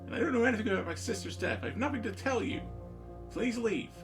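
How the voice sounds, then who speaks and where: A man's voice: animated, music in the background. A man doing a cold, curt rich schoolgirl. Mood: defensive. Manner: low, slow, dismissive put-on voice. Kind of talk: let's play voice acting.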